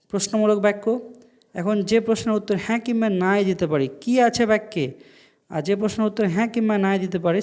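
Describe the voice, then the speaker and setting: A man teaching an Arabic lesson, saying each phrase slowly and then explaining it. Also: high voice, a little mellow. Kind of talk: online language lesson.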